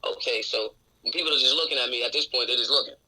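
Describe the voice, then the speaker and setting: Speaking fast at a medium pitch, this twenty-something interview guest has a raspy voice that is intensely bright and forceful. He's outspoken, open and reflective as he talks candidly and casually on a radio show, captured with poor audio.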